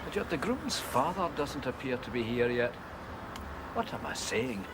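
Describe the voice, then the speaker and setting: A man's voice: medium pitch, big pitch swings, normal speed. A man playing a formal, hesitant, easily flustered church minister in a TV sitcom. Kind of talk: television sitcom acting. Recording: very noisy, crowded TV location sound.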